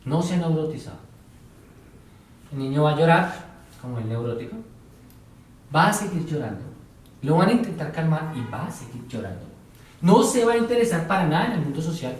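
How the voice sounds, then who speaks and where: A man teaching a psychology class, asking his students questions and repeating their answers. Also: fairly high pitch. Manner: tells examples step by step, now and then playing a teacher or patient. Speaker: psychology lecturer. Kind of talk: classroom lecture. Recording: very echoey room, voice from far off.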